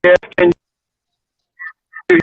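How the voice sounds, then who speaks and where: A man's voice: very slow, dry recording. A man joining a casual chat late over a video call, his audio glitching and breaking up. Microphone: video call connection. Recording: dull, dry lo-fi call line with glitches.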